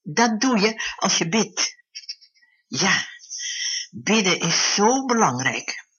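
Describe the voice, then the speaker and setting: A preacher giving an earnest devotional talk, slowing down to stress key phrases. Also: mid-range voice, sing-song, bright, forceful tone, husky. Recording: dull lo-fi recording.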